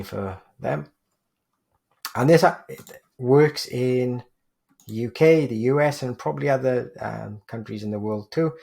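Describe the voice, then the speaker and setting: A man's voice: fairly low pitch, a little mellow. A man presenting a screen-share tutorial on digital PR, walking through examples on screen in an explanatory way. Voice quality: gravelly, husky.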